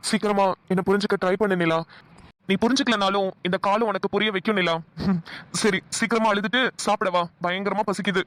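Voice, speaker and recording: An actor voicing a bossy yet coaxing young cartoon husband, mid pitch, dry mic. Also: steady tone, brisk, a bit bright, dry recording, natural voice. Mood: teasing. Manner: scolding, then pleading and chuckling. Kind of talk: Tamil cartoon dialogue.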